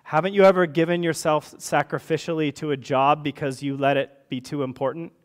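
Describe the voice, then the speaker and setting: A man's voice: a little high, steady tone, brisk. Conversational man preaching a sermon. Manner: conversational, checks in with tag questions. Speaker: rector preaching. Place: church service.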